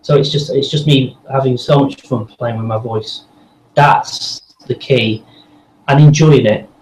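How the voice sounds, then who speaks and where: This man talks in a rambling, enthusiastic way, full of fillers, at a middling pitch. His voice carries a roomy echo. A faint noise sits underneath. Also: fairly even intonation, a little slow, a little mellow. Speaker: podcast guest, voice actor. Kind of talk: casual interview chat.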